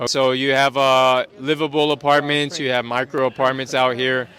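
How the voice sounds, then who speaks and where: A man's voice: medium pitch, little pitch movement, moderate pace, bright, forceful tone. A man from New York casually interviewing people on a city street, nodding along with short replies. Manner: casual, frequent short acknowledgements. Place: busy city street outdoors. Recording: noisy crowd around. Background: crowd chatter.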